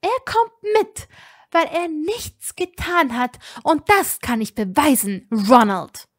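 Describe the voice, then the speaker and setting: A woman's voice: sits high, expressive, a little slow, darkish tone, breathy edge, voice pushed up, full character voice. A woman reading a fan audiobook, voicing a determined young witch who speaks urgently and scolds sharply. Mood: furious.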